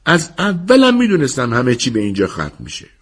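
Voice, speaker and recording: A man voicing a knowing, gossipy older neighbor woman in an audiobook, in a high smug put-on voice. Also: wildly swooping pitch, husky, exaggerated voice. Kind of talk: audiobook character voice.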